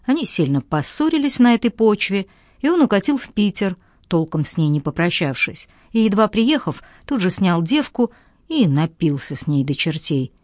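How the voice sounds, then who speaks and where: A woman narrating an audiobook in a measured, even storytelling manner. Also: medium pitch, dry recording, clean studio sound. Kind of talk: scripted narration.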